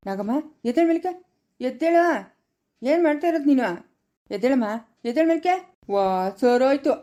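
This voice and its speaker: A woman's voice: sits high, expressive, brisk, mellow. A woman with a Chikkaballapura Kannada accent acting a firm, peacemaking elder brother in a family drama. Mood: coaxing.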